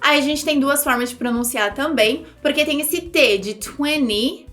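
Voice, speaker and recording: A young woman teaching English numbers, explaining in a lively way and repeating example words. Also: high-pitched, unhurried, soft background music. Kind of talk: language lesson for Portuguese speakers.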